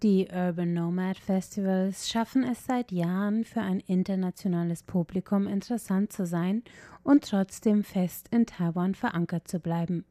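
A woman narrating a scripted radio culture feature in a clear, measured way. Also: mid-range voice, mellow. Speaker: culture reporter.

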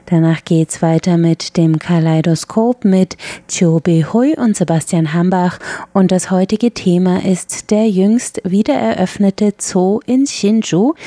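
A woman hosts a radio program and reads out the rundown in a calm, measured studio voice. Her voice sits low and sounds warm and relaxed. The studio sound is dry and close. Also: no echo. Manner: even, measured reading. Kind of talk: scripted radio announcement.

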